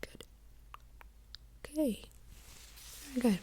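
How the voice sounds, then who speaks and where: A woman doing an ASMR role-play as a doctor in a soft-spoken ASMR exam, gently giving step-by-step instructions in a breathy soft voice. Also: sits high, slow, slight background noise.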